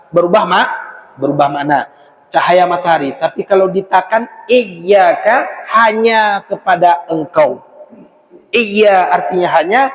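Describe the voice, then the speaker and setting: A man teaching Quran recitation, drilling syllables over and over and chanting verses slowly as examples, recorded in a mosque. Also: high-pitched. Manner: repeats syllables to drill pronunciation. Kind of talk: tajwid lesson with corrections. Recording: echoey hall, muffled lo-fi sound.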